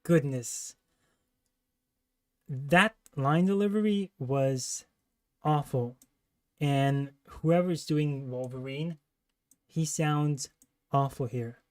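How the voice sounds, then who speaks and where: A man hosting a livestream, giving casual, critical commentary as he reacts to a trailer. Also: mid-range voice. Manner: critical, disparaging.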